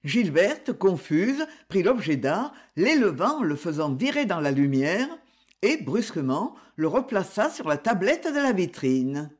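Woman audiobook narrator: slow, lilting, expressive. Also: on the low side, husky. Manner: measured, expressive storytelling.

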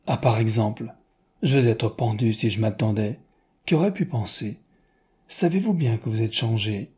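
A man voicing a chatty, boastful middle-aged male expatriate who speaks in a confiding, lively way. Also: normal speed, close to an everyday voice. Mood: surprised delight. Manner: confiding, animated, raised pitch.

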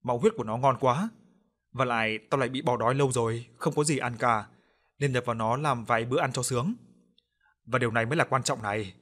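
A man's voice: medium pitch, fast, a bit bright, close to an everyday voice. A man voicing a ravenous demon that possesses a pregnant woman, snarling and gloating in a storytelling.

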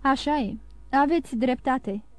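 A woman's voice: high voice, darkish tone, dry recording, voice pushed up, lightly acted. A woman voicing a greedy, hesitant middle-aged male innkeeper in an audiobook. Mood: scheming.

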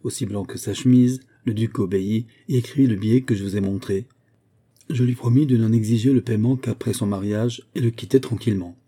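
A man reading an adventure story aloud in a measured, even storytelling manner. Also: on the low side, breathy edge. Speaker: audiobook reader. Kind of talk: scripted narration.

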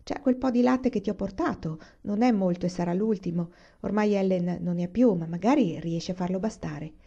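A woman's voice: medium pitch, a little fast, vocal fry, dark tone, slightly rough, highs cut off. A woman voicing a cheerful, joking pioneer father in a storybook reading, speaking in a hearty, jovial way. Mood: warm.

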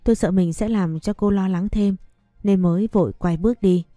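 A woman narrating a first-person story in a soft, earnest manner. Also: medium pitch, normal speed, dry recording, clean studio sound, soft background music.

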